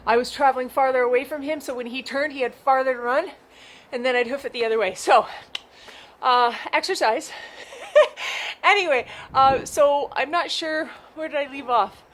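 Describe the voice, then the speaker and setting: High-voiced woman, relaxed dog trainer. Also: normal speed. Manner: chatty, reassuring, loose and unscripted. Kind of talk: casual instructional talk. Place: outdoors.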